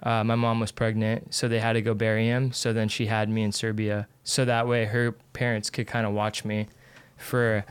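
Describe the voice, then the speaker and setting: Laid-back young man, flat and clear. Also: on the low side, moderate pace, no room sound. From Santa Ana, California. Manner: laid-back, fillers like "like" and "pretty trippy". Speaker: guest. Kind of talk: casual interview chat.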